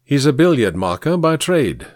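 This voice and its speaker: A sharp-witted detective speaks in brisk, clipped phrases, as a male audiobook reader voices him. The tone is cool and dry, with lively rises and falls. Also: a little high, no room sound, voice pushed up. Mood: cool, terse. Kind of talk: audiobook character voice.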